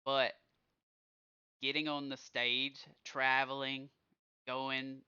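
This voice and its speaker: A man co-hosting a podcast in casual chat, encouraging and quick to give shout-outs. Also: medium pitch, monotone, clean tone. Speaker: podcast co-host. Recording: dull lo-fi sound.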